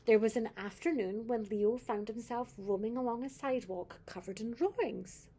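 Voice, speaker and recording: A sweet older woman, a grandmother, reading a picture book to a small child in a gentle, grandmotherly way and pointing things out. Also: on the high side, normal speed, a little hiss or hum.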